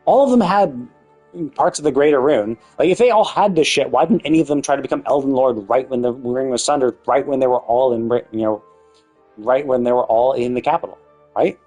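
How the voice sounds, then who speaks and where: A man's voice: medium pitch, brisk, darkish tone. A man streaming live, ranting casually and with exasperation, full of rhetorical questions, restarts and swearing. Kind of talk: casual gaming rant. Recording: live stream with faint music behind.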